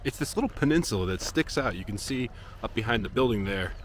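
A travel vlogger in his thirties walks outdoors by a lake and a parking lot, filming himself with a handheld action camera at arm's length. He chats casually with lots of fillers, his lowish voice animated and fast, with a little hiss or hum.

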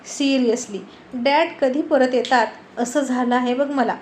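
A woman's voice: high-pitched, fairly even intonation, a little slow, a little mellow, slight background noise. Woman voicing a teasing, protective young man. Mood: teasing, caring. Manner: playful teasing, turning possessive and stern.

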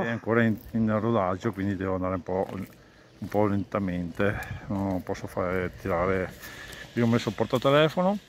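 A man chatting casually to viewers as a motovlogger, rambling and repeating his phrases. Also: medium pitch. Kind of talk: casual vlog chat to viewers. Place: outdoors, on and beside a motorcycle. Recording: road and engine noise, helmet action camera.

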